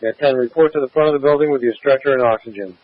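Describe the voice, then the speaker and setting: A man dispatching fire alarms rattles off clipped, procedural read-backs and assignments very fast in a mid-range voice. The recording is dry, heard through a tinny, phone-like radio channel.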